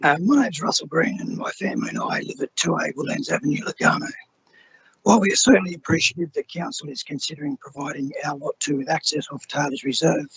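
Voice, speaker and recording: Hoarse man, formal and measured, slightly high and very husky, reading a statement at a council meeting. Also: poor audio. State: hoarse, voice nearly gone. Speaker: resident addressing council. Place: council chamber.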